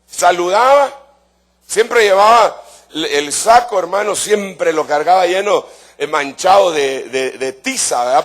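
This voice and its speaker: A male pastor with a high voice preaches fervently to his congregation, addressing them as "brother." He asks rhetorical questions and swings between soft asides and shouted emphasis.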